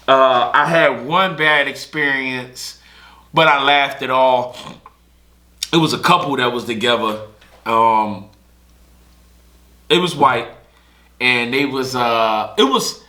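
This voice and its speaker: Bright Philly guy telling stories. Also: mid-range voice, takes it slowly, pauses often. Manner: animated storyteller who acts out other people's lines. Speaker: podcast host. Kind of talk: casual podcast storytelling. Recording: echoey room.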